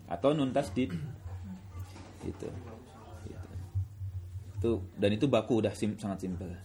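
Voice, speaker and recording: Casual male recitation teacher. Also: on the low side. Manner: demonstrates recitation slowly, drawn out; relaxed, repeats filler words often. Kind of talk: casual classroom explanation.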